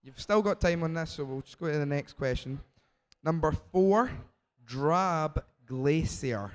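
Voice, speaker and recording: A man's voice: fairly high pitch, moderate pace. A man with a thick Scottish accent, co-hosting a quiz in a casual, live style. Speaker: quiz co-host.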